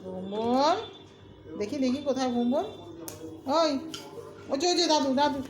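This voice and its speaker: A woman's voice: sits high, lively intonation, normal speed, music in the background. A woman talking casually to her pet dog, coaxing and scolding it in a sing-song voice. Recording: echoey room with clear background noise.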